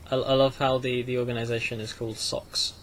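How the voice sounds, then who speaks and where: A man's voice: medium pitch, flat delivery, brisk, a bit bright. A man in a casual group chat, teasing and laughing, often tripping over his words. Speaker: guest co-host. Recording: crowd noise behind.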